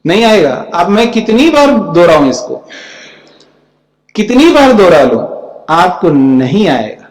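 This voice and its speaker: A male spiritual teacher with a fairly high voice gives a scripture commentary lecture. He reads out a line of verse, then explains it in plain words, often checking that his listeners follow. The sound is roomy and echoey, with a long reverb that hangs in the hall. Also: very animated, a little slow. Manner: reads Sanskrit lines, then explains each in plain speech.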